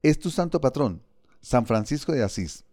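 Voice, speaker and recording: A man reading a storybook, voicing a gentle, polite, pious schoolboy. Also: mid-range voice, very animated, normal speed, no echo, clean studio sound.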